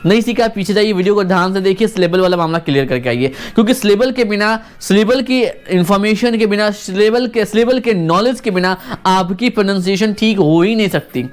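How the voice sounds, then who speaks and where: A pronunciation teacher giving an online video lesson, repeating sounds many times in a slow, deliberate demonstration and coaching the viewer with questions. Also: mid-range voice, clear, resonant tone.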